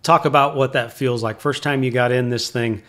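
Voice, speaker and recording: A man's voice: mid-range voice, fairly even intonation, normal speed, fairly bright tone. A man in his fifties with an American accent, hosting a casual interview into a close microphone in a home office. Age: 50s. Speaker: interviewer, host. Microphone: close boom microphone.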